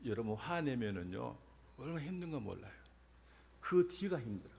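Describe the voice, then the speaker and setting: A man's voice: mid-range voice, moderate pace, gravelly, slightly rough. A middle-aged Korean man, a pastor preaching a sermon and telling personal stories, acting out the dialogue in them. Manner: animated storytelling, acts out dialogue. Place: church sanctuary. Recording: long reverb of a church hall.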